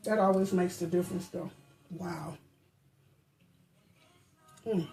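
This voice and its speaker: A woman with a mellow, soft-edged voice chats casually in her home kitchen as she bakes and samples her treats. She hums as she savors each bite and talks with her mouth full, in a relaxed, chatty way. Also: on the low side, takes it slowly, creaky, a little hiss or hum, poor audio. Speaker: baking vlogger. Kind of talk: casual chat.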